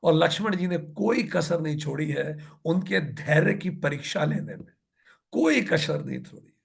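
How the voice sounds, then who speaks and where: A man leads a scripture discourse in a high, gravelly voice. He recites verses in a slow, measured chant, then breaks into lively, conversational explanation. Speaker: spiritual teacher explaining scripture.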